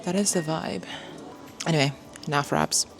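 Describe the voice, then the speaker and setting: Low-voiced chatty young woman vlogging. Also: moderate pace, vocal fry, over music. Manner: chatty, upbeat, self-deprecating, laughs easily. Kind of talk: casual vlog narration. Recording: noticeable background noise.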